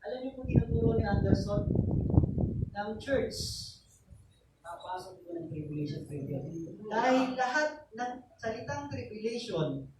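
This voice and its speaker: A man's voice: sits high, big pitch swings, unhurried. A man preaching a sermon as pastor, telling a story in a mix of Tagalog and English and often asking "diba?". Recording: echoey, distant church recording with noise.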